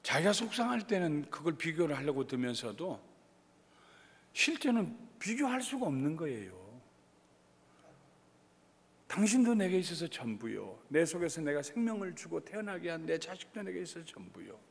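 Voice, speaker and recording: A male pastor giving an expository sermon with lively delivery, acting out everyday family scenes. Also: a little high, moderate pace, vocal fry, slightly rough, in a large hall. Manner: animated, acts out everyday scenes.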